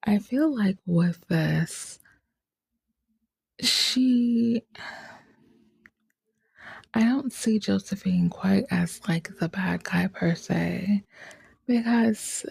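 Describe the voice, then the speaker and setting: Woman, slow and rambling, heavy vocal fry, whispery asides, dry close sound. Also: mid-range voice, no echo. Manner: rambling, soft-spoken, often drifting into whispers. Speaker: tarot reader. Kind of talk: casual reflective chat.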